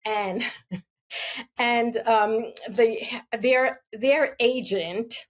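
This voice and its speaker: Middle-aged woman, fairly high voice, casual interview, animated storytelling, acts out quoted lines. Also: very slow. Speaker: real estate agent, guest.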